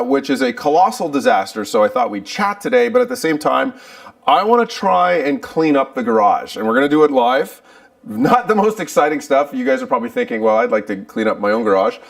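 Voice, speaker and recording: A man's voice: medium pitch, creaky, far from the mic. A man doing a casual livestream from his cluttered garage, chatting and muttering to himself while he fiddles with the settings. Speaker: livestreaming vlogger.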